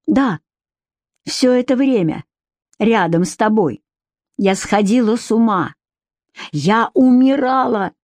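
A woman voicing a desperate young wife who pleads and shouts in defiance, raised in pitch. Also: expressive, takes it slowly, long pauses, no echo, studio quality. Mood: defiant.

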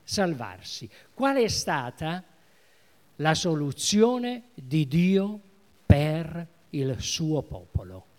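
A man's voice: fairly high pitch, sing-song, very slow, a little mellow. A man preaching a sermon in a church, emphatic, repeating key phrases and putting questions to the congregation. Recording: reverberant church hall.

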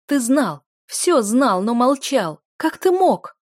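A woman voicing a young heroine who shouts and snarls at her family in a storybook reading. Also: a little high, sing-song, slow pace, dry recording, clean studio sound, voice pushed up, full character voice. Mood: furious. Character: furious young woman in agony.

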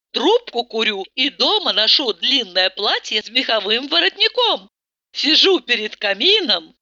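A woman's voice: fairly high pitch, sharp tone, dry recording, pitched above the performer's own voice, heavily acted. A woman voicing a bored, tearful rich young wife who whines and sighs theatrically about her empty life, in a dull, muffled audiobook recording. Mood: gushing. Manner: plaintive, sighing, theatrical.

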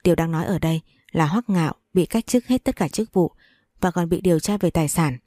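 A woman narrating an audiobook story in a steady storytelling manner. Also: fairly low pitch, a little fast, no room sound, studio quality.

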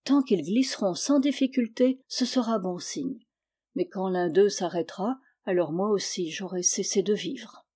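Une femme qui joue un jeune homme loyal et résolu, d'un ton posé et ferme, un peu plus grave. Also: female voice, mid-range voice, normal speed, mellow, husky, natural voice. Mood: resolute. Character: resolute young man, loyal brother.

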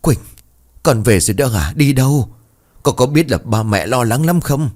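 A man playing a worried middle-aged father who calms his wife firmly, in a storybook reading. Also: mid-range voice, normal speed, pitched above the performer's own voice, natural voice. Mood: weary. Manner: calming yet firm.

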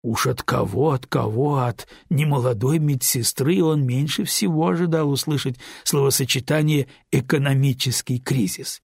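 A man reads a novel aloud in calm, steady storytelling. His voice is husky with a gravelly rasp, and the recording is close and dry. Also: mid-range voice, moderate pace, few pauses, no room sound. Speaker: audiobook narrator. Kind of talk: scripted narration.

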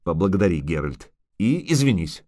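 A man's voice: low-pitched, sing-song, moderate pace, dark tone, no echo, clean studio sound. A man voicing a haughty female sorceress who speaks in a cutting, commanding way. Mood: sharp.

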